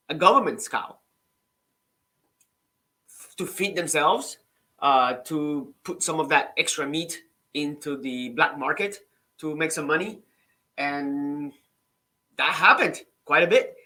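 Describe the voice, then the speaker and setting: A man's voice: fairly high pitch, pushed and bright. A middle-aged man from Cuba, hosting his own channel and telling his story casually, with many restarts and "right?" tags. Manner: conversational, halting with frequent restarts and "right?" tags. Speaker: author and channel host.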